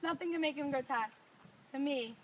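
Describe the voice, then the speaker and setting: A woman's voice: sits high, a little fast, far from the mic, a little hiss or hum, lightly acted. A young woman voicing Roxane, a young woman in love, in an eager amateur school play reading. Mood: anxious. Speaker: student actor.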